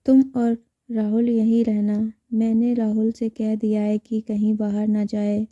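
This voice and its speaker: A woman's voice: a little high, monotone, unhurried, dark tone, dry recording, muffled recording, lightly acted. A woman voicing a practical middle-aged mother giving instructions before she heads out. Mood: instructing.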